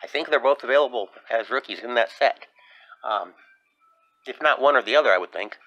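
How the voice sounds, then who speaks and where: A man's voice: mid-range voice, fairly quick, lo-fi sound. A man hosting a sports card vlog from his desk at home, talking casually with lots of fillers. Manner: chatty, upbeat, many fillers. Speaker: sports card channel host. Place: home desk, then convention hall.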